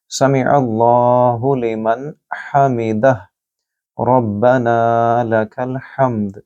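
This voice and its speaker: A man teaching prayer recitation in a Pakistani Urdu accent, patiently explaining each letter and reciting phrases slowly. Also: medium pitch, dark tone, muffled recording. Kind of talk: tajweed lesson with slow recited examples.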